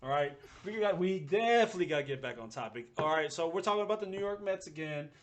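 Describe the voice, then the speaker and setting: Fast and expressive, with a fairly high pitch, this thirty-something sports podcast host chats informally. He talks in slang and trades banter throughout.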